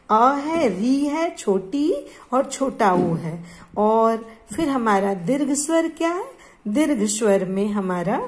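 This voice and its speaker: A woman teaching a grammar lesson to schoolchildren, repeating points and asking questions that she then answers herself. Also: sits high. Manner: slow, repetitive, asks questions and answers them herself.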